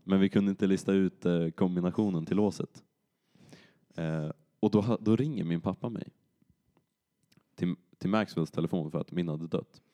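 A man's voice: deep voice, mellow, muffled recording. A young man casually telling a long story on a podcast, rambling with fillers and acted-out quotes.

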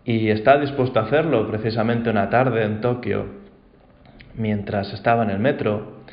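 Man, mindfulness teacher, calm storyteller, lowish voice, roomy slightly dull recording. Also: normal speed. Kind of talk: reflective spoken talk.

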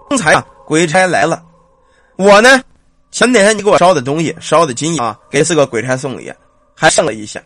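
A man voicing the ghost of a dead old father who speaks through his daughter-in-law, slow and commanding. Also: on the high side, a bit bright, dry recording. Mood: scolding. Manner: slow, drawn-out, commanding speech.

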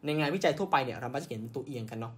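A man's voice: mid-range voice, rapid-fire, breathy edge. A man hosting a podcast, telling science history in a casual way, with many fillers and self-corrections. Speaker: podcast host.

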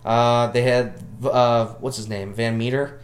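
A man co-hosting a casual sports chat in a living room, with dry, self-deprecating joking and a medium-pitched voice. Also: fairly even intonation, unhurried, echoey room. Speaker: podcast host.

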